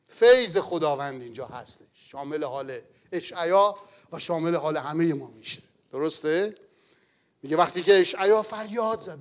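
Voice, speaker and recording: A man preaching a sermon in an earnest manner, rising to loud exclamations and then falling to near-whispers. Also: sits high. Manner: earnest, swells loud then drops to a hush.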